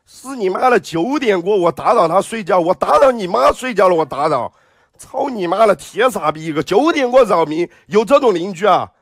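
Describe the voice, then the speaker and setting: A man's voice: sits high, animated, normal speed, no echo, studio quality. A man with a Sichuan accent livestreaming, reading viewer comments and ranting with heavy swearing. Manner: profane, ranting; reads viewer comments aloud. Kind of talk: livestream chat.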